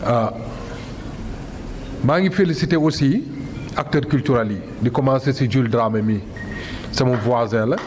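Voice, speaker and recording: Senegalese guy congratulating people in a speech, average pitch, noisy background. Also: normal speed, pauses often, a little mellow. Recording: clear ambient noise behind live speech.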